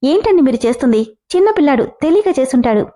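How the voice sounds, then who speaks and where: A worried, protective mother pleads for her child in a storybook reading, voiced by a woman. The voice is high and soft with a mellow warmth. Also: big pitch swings, quick pace. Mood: pleading.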